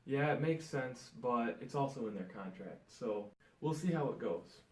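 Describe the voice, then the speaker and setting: A man's voice: medium pitch, animated, moderate pace, close to an everyday voice. A man playing a sports news anchor in an amateur skit, speaking casually. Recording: distant echoey room, loud noise.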